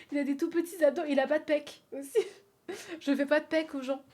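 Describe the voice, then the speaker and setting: A woman's voice: high-pitched, big pitch swings, measured pace, heavy background noise. A woman streamer chatting playfully with her viewers while drawing in a game, often exclaiming aloud.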